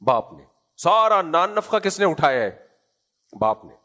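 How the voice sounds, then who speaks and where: A man's voice: on the high side, very animated, bright, forceful tone. A man with a Pakistani Urdu accent giving a Quran commentary lecture, asking rhetorical questions and answering them himself. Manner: acts out casual scolding in asides. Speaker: preacher.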